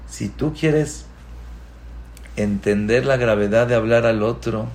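A man delivering a sermon as a rabbi, swinging dramatically between hushed asides and loud emphatic lines. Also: mid-range voice, slow.

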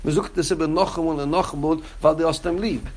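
A man's voice: a little high, fairly even intonation, brisk, a little mellow, slight background noise. A man teaching a Torah class as a rabbi, speaking directly to his students and chanting quoted texts in a raised, sing-song voice. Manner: addresses students directly by name.

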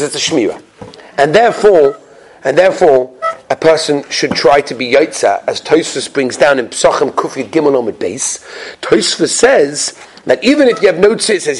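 A man's voice: high-pitched, a little hiss or hum. A man with a Yiddish-influenced American accent teaching a religious class as a rabbi, in a sing-song questioning manner with emphatic repetition. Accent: Yiddish-influenced American English. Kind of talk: animated religious lesson with rhetorical questions.

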